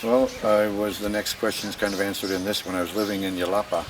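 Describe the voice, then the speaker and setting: A man in his sixties with an American accent, telling personal stories casually in a rambling, halting way as an interviewee. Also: lowish voice, little pitch movement. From United States. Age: 60s. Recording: distant microphone with noisy ambience.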